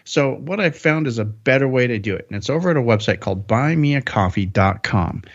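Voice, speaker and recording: A man's voice: medium pitch, animated, fairly quick, highs cut off. A man hosting a car podcast, chatting casually and upbeat, rambling with jokes. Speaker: podcast host.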